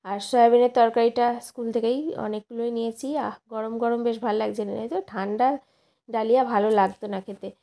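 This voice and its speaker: A woman's voice: fairly high pitch, level tone, fast talker, warm tone. A young woman narrating her daily vlog in a chatty, rambling way, often correcting herself mid-sentence. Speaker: vlogger and schoolteacher.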